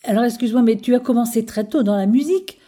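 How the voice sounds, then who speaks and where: A woman's voice: fairly high pitch, fast, dark tone, husky. A woman hosting a radio interview, asking friendly, familiar questions. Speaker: radio host.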